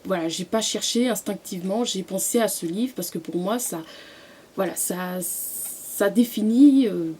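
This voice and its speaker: A young woman chatting casually about books she loves, often pausing, restarting and filling gaps with "euh" and "voilà". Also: mid-range voice, warm tone, a little hiss or hum. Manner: hesitant, many fillers and restarts. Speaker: book vlogger. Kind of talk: casual book review vlog.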